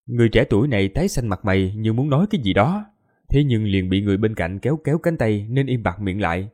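Mellow-voiced male audiobook narrator. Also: lowish voice, fast talker. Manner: steady storytelling.

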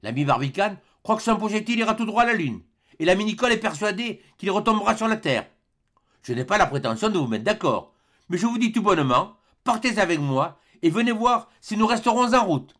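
A man reading a storybook aloud, voicing an enthusiastic male adventurer who talks in a lively, persuasive way. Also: sits high, fairly quick, pitched above the performer's own voice.

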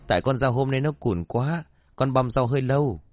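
A man's voice: mid-range voice, lively intonation, brisk, dry recording, clean studio sound, faint music behind, pitched above the performer's own voice, natural voice. A man voicing a timid, polite twelve-year-old orphan girl who answers meekly. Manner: meek, polite, stammering.

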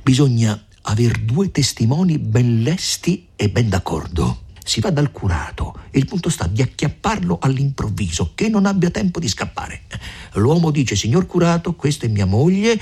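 Male reader doing a sharp-tongued peasant mother, husky, lively, for audiobook. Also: mid-range voice, moderate pace, voice pushed up, full character voice. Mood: coaxing. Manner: lively, insistent, raised voice. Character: shrewd scolding peasant mother, older woman. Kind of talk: audiobook reading.

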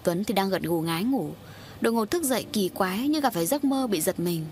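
Woman reading a spooky audiobook, steady and grave, bit of faint hiss behind. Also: mid-range voice, fairly quick. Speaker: audiobook narrator. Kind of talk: scripted horror story narration.

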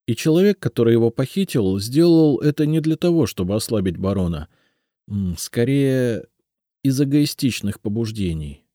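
Guy reading as a young healer girl, earnest and pleading, pitched way up, warm tone. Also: animated, moderate pace, no echo, studio quality, natural voice. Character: young female healer, guarded but earnest.

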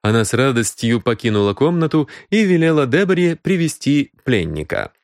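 A male audiobook narrator reading a story with lively, swinging pitch. The recording is close and dry, with nothing of the room in it. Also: normal speed, dry recording. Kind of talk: scripted narration.

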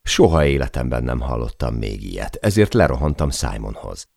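A man narrating a memoir audiobook as a steady, scripted storytelling reading. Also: a bass voice, creaky, dry recording, studio quality.

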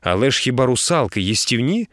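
A man's voice: mid-range voice, sing-song, fast talker, fairly bright tone, no echo, studio quality. A man voicing a fussy, timid male traveler who protests anxiously in an audiobook. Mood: flustered.

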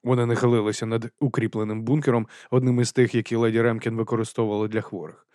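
A man narrating an audiobook in a calm, even storytelling manner. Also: medium pitch, fast talker, no room sound, clean studio sound. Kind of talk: scripted narration.

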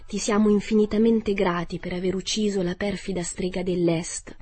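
A woman voicing a small, wrinkled old good witch who speaks gently and calmly, read as a character in an audiobook. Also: mid-range voice, moderate pace, breathy edge, soft background music, close to an everyday voice. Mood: gentle. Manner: gentle, soft-spoken and composed.

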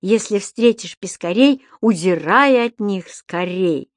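A woman voicing a male parrot who recites silly rhymes loudly and clearly in a slow sing-song. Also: medium pitch, expressive, no echo, studio quality. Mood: chanting rhymes.

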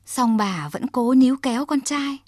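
A woman's voice: sits high, normal speed, a little mellow, dry recording, clean studio sound. A woman narrating a folk tale for children, speaking expressively and addressing the little listeners. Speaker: storyteller for children.

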